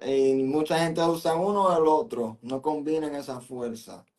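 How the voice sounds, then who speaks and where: A man's voice: on the high side, moderate pace, a little mellow. A man, a vodou priest, who puts short prompting questions to a co-host in conversation. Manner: brief interjecting questions.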